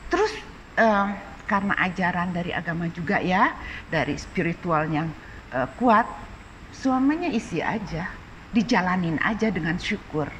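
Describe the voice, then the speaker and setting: Sundanese-accented woman, lively and animated. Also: fairly low pitch, unhurried, long reverb tail, a little hiss or hum. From Bandung, Indonesia. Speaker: art dealer. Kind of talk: casual interview.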